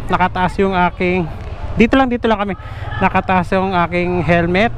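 A talkative young motovlogger, his voice slightly high for a man, speaks into a helmet-mounted action camera mic while testing his gear outdoors at home and then riding his motorcycle. In this casual how-to vlog he keeps a steady tone and normal pace, calls his viewers "lods," and leans on repeated fillers. Faint vehicle hum and open outdoor air sit in the background.

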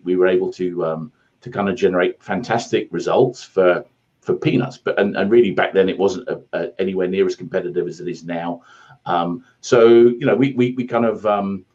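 A British guest in his forties who founded an ad agency is storytelling casually about his career, rambling and poking fun at himself from a home office video call. His voice sits low with a darkish tone. Highs are cut off by the earphone headset he's using.

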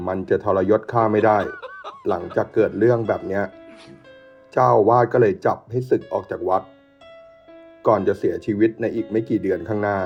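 A man narrating a first-person ghost story in a hushed, suspenseful way, as the show's storyteller. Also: fairly low pitch, fairly even intonation, a little fast, pauses often. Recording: dull lo-fi sound with soft music.

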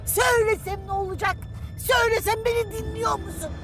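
A nagging middle-aged mother with a very high, sharp voice. She scolds without pause, and music plays behind her. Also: steady tone. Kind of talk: film dialogue.

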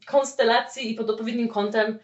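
A woman teaching a spoken English lesson, explaining with lively "okay?" check-ins. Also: fairly high pitch, brisk. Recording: echoey room, mic at a distance, dull lo-fi sound.

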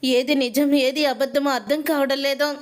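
A woman's voice: sits high, level tone, moderate pace, natural voice. A woman reading as a puzzled aunt. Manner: puzzled, questioning. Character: worried, puzzled middle-aged woman relative.

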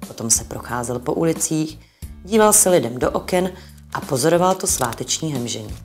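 A woman reading a storybook aloud with calm, even narration. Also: low voice.

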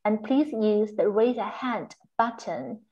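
A woman's voice: medium pitch, takes it slowly, a little mellow. A woman hosting an online lecture, giving a formal, polite introduction and housekeeping notes over a video call. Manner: polite, formal, reads carefully. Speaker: host and moderator. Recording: dull lo-fi call audio.

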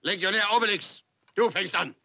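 A man playing a blustering, easily flustered Roman army drill officer who barks his orders in an animated film. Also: high voice, moderate pace, vocal fry, background noise. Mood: stern. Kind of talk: dubbed animated film acting.

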